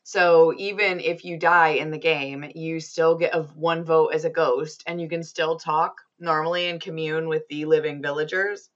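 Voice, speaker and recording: A woman's voice: low voice, fairly even intonation, normal speed, hardly any pauses, highs cut off. A woman hosting a casual gaming podcast, chatty and upbeat with frequent ums. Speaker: podcast host.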